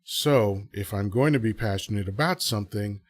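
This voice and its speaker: At a moderate pace and with a lowish voice, a man from the Dominican Republic works through his thoughts on a live podcast, with no echo in the recording. The casual solo commentary is earnest and meandering, full of self-corrections.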